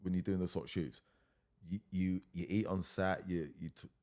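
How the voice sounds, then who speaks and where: A man in his thirties with a very low voice, talking as a podcast guest. He tells his stories casually and bluntly, with plenty of swearing. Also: steady tone, moderate pace, darkish tone. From United Kingdom. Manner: swears freely, blunt and chatty. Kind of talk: casual storytelling.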